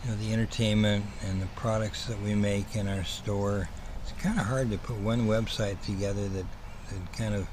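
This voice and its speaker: A lowish-voiced man talks casually on a livestream over clearly audible background noise. His speech whistles slightly through missing front teeth. He rambles in a halting way, repeating words as he searches for the next one. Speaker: host, cat rescue operator. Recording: clearly noisy ambient background.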